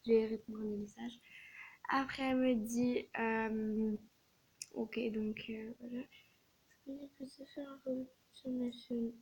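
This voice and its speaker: Husky young-sounding woman ranting casually. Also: fairly high pitch, steady tone, measured pace, pauses often, darkish tone, poor audio. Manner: rants and swears, drops into whispered asides, many fillers. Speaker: gaming YouTuber. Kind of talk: casual gaming vlog commentary.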